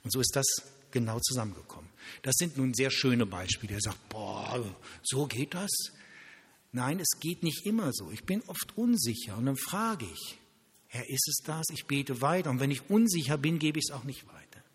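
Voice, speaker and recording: A male pastor preaching a sermon, telling lively stories and acting out quoted dialogue. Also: medium pitch, normal speed, husky, long reverb tail.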